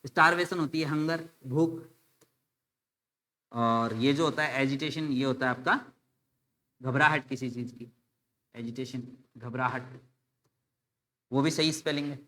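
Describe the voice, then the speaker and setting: Bright-voiced man teaching spelling. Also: medium pitch, unhurried, long pauses. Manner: explains in Hindi mixed with English terms, spells words letter by letter; addresses students casually as "bhai". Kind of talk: exam-solution video lecture.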